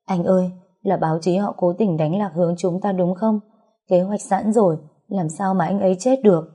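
A woman's voice: on the low side, steady tone, normal speed, dark tone, husky. A woman voicing a grief-stricken pregnant young woman who pleads through sobs. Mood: pleading. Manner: sobbing, pleading.

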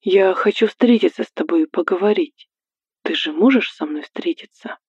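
A woman's voice: mid-range voice, moderate pace, darkish tone, breathy edge, no room sound, lo-fi sound. Woman voicing a controlling, menacing young man. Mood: coaxing. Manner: commanding and menacing, turns coaxing. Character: controlling, selfish young man, threatening lover.

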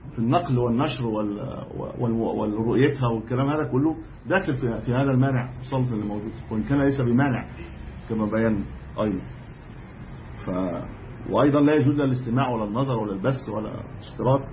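A man with an Egyptian accent delivers a religious lesson at a brisk clip, emphatic and explanatory, restarting phrases as he goes. The recording is dull and lo-fi, with a faint hiss underneath. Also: medium pitch. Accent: Egyptian Arabic. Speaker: sheikh teaching a lesson.

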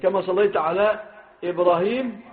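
In a high-pitched voice and at a slightly fast pace, a man with an Egyptian Arabic accent gives a hadith lesson. He asks his students questions and stresses the quoted text, recorded with phone-like lo-fi quality.

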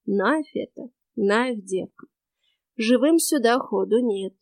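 A woman voicing a weary male stranger spirit in the afterworld, with a quiet, cracked voice and a flat, indifferent manner. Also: on the high side, slow, dry recording.

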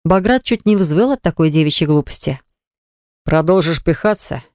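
A woman narrating a romance novel in a measured, expressive reading style. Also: lowish voice, no room sound, clean studio sound. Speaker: audiobook narrator.

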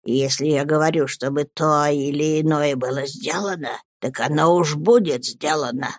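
A reader voicing a fat, cruel schoolmaster who can only speak in a strained, menacing whisper, in an audiobook reading. The lines come slow and pressed. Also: medium pitch, expressive, gravelly, dry recording, clean studio sound, heavily acted.

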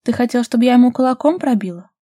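A woman's voice: on the high side, expressive, quick pace, warm tone, no room sound, clean studio sound, pitched above the performer's own voice. A woman voicing a spirited, fond young woman in an audiobook, her lines pleading and teasing. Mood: lively.

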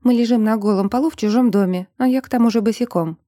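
A woman's voice: a little high, fast, dark tone, no echo, clean studio sound, lightly acted. A woman reading an audiobook and voicing a young vampire woman who speaks tensely in clipped, demanding lines. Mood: hushed. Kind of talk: audiobook character voice.

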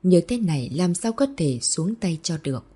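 Low, husky woman narrating a novel. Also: expressive, moderate pace, dark tone. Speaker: audiobook narrator.

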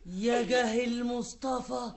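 A gushing excitable companion. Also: male voice, very high voice, slow, creaky, full character voice. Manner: gushing, exclamatory.

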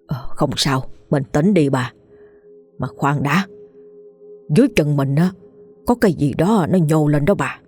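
Woman voicing a scared old peasant man, stammering, trembling, lowered voice, storybook ghost tale. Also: expressive, normal speed, darkish tone, soft background music. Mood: frightened. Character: frightened old peasant man, timid husband.

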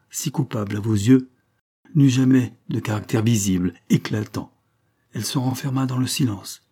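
A man voicing an honorable young viscount who speaks earnestly and firmly, with a husky, mellow voice. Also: medium pitch, close to an everyday voice.

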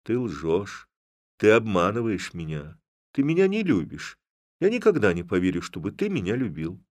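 A man's voice: lowish voice, huge pitch swings, normal speed, dry recording, studio quality. A man doing a reproachful young village girl.

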